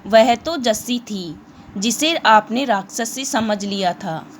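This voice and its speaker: A woman's voice: on the high side, lively intonation, slow, slight background noise. A woman reading as a sly, mocking wolf. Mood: coaxing. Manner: storybook read-aloud.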